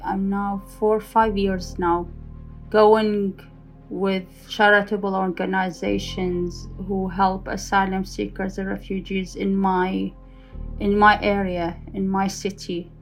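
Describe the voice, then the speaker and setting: A woman tells her own story slowly, hopeful but hesitant, often restarting her sentences. Her pitch sits in an ordinary middle range, and a faint instrumental bed runs behind her. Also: little pitch movement, faint music behind, poor audio. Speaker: refugee volunteer and co-producer. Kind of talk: reflective personal testimony.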